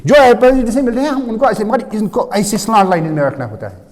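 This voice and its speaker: High-voiced male teacher in a reverberant hall. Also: expressive, a little mellow. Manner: mixes Hindi and English, keeps asking if students understand; reads definitions slowly and deliberately. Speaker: English teacher. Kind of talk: classroom lecture.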